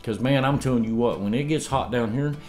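Over soft background music, a mid-range, darkish male voice speaks briskly. He's a homesteading vlogger in his fifties, seated indoors at his dining room table facing a camera across from him. In a casual chat he tells wandering stories, laughing and restarting along the way.

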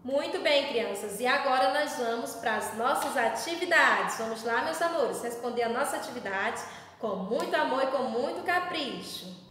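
A Brazilian Portuguese woman teaching young children, drawing out each word slowly and calling them her loves. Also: fairly high pitch, animated. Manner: affectionate, drawn-out word modeling, calls pupils "meus amores". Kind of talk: slow, sing-song children's lesson. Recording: echoey room with long reverb.

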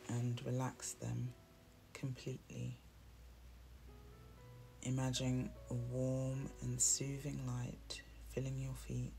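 A meditation guide with a medium-pitched, creaky-edged voice narrates a scripted guided meditation extremely slowly, hushed and soothing, keeping an even, deliberate delivery with long pauses. Soft instrumental music plays behind, and the audio quality is poor.

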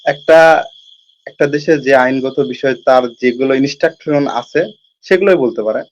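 A man's voice: mid-range voice, normal speed. A man calling into a heated live debate, insistent and arguing from scripture. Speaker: debate caller. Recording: muffled lo-fi call audio.

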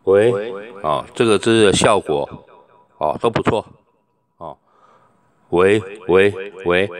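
A microphone seller with a low voice gives a product demonstration. He's loose and chatty, fills pauses with a drawn-out "oh," and calls into each mic to test it.

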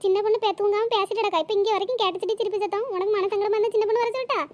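A woman voicing a caring elder sister-figure in a cartoon, who coaxes and scolds with a very high, squeaky voice. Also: steady tone, rapid-fire. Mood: coaxing, fussing. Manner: fussing, coaxing, motherly scolding. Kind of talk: cartoon voice acting.

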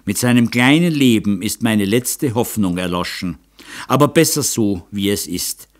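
A man's voice: fairly low pitch, animated, measured pace. A man reading an audiobook voices a remorseful, timid middle-aged woman who pleads and blames herself. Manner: pleading, self-reproaching.

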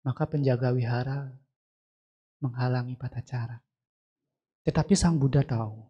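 A man's voice: medium pitch, mellow, breathy edge. A man, a Buddhist monk, telling a story in a sermon and turning to ask his listeners questions. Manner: storytelling, asks the congregation questions directly. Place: temple hall. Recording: dull lo-fi sound.

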